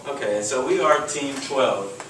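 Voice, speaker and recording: A young man from Texas opens his team's presentation in an earnest tone, with the odd uh between phrases. He sounds distant in a roomy hall with clear background noise. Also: medium pitch, expressive, normal speed. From Houston, Texas. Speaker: student presenter. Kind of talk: class project presentation. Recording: distant mic in an echoey room with background noise.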